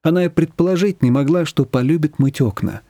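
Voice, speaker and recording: A man narrating an audiobook with expressive storytelling. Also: fairly high pitch, a little fast, no echo, clean studio sound. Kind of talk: scripted narration.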